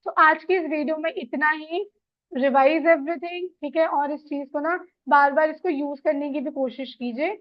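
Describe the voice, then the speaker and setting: A woman teaching English vocabulary in Hindi, running briskly through word lists and slowing down for the English example sentences. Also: high-pitched, fairly even intonation, muffled recording. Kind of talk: vocabulary lesson.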